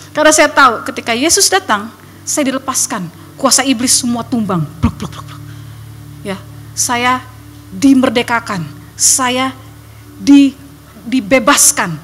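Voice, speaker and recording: Young female evangelist, testimony style, vivid storyteller, sharp tone, faint hall noise. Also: sits high, moderate pace, long pauses. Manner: animated storytelling, acts out voices and sound effects. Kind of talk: church testimony to a congregation. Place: church hall.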